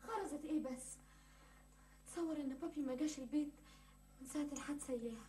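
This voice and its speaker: A young actress with an Egyptian accent playing a spoiled, headstrong rich daughter in a TV sitcom. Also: female voice, high voice, quick pace, mellow, distant mic, lightly acted. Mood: worried. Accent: Egyptian Arabic. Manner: spoiled, says "mami" and "babi". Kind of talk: 1980s Egyptian TV sitcom acting.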